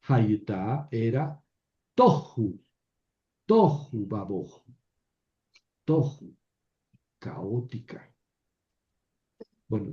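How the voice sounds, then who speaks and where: A man teaching a recorded lesson, explaining patiently with tag questions and small self-corrections. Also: mid-range voice. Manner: unhurried, explanatory, with frequent "¿verdad?" tags and self-corrections. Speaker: Hebrew teacher. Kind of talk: recorded lecture. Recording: dull roomy lecture recording.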